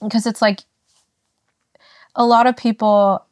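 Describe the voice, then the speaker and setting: A young woman talks openly as a guest, her voice sitting at a middle pitch. She speaks in halting, emotional bursts, restarting phrases and leaning on fillers. The sound is dry and close, with no room around it. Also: level tone, no room sound. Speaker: podcast guest. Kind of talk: candid personal conversation.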